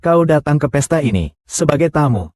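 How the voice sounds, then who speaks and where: A man's voice: fairly high pitch, big pitch swings, a little fast, a little mellow, no echo, studio quality. A man voicing the characters of a dubbed short drama, with a scornful, confrontational delivery.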